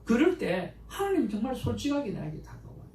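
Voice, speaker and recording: Gravelly-voiced pastor preaching in an echoey church. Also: male voice, extremely high pitch, a little fast. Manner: conversational, anecdotal preaching with animated emotional quotes. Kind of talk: Sunday sermon. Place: church sanctuary. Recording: echoey church room, mic at a distance, faint background noise.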